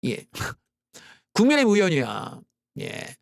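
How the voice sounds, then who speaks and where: A man hosting solo political commentary, blunt and scornful, ranting with rough slang. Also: high-pitched, wildly swooping pitch, slow, dry recording, studio quality. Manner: mocks slogans in loud shouted bursts.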